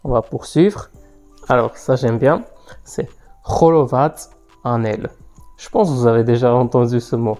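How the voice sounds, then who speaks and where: Slow, mellow man teaching. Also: medium pitch, faint music behind. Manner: patient, repeats words for learners to echo. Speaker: language teacher. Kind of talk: online language lesson.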